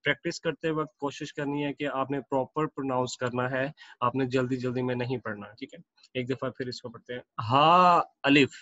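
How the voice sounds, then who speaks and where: A man teaching Quran reading, explaining Arabic letters with English words mixed in and repeating each letter pair slowly and at length. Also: medium pitch, flat delivery, fairly bright tone, no echo, lo-fi sound.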